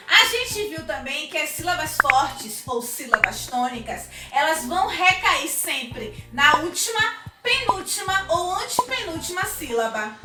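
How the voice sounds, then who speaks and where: A Brazilian primary school teacher with a high female voice records a video lesson for children. She sounds upbeat, drawing out syllables as she sounds out words. She is off-mic and recorded from a distance in an echoey room, with music playing behind her.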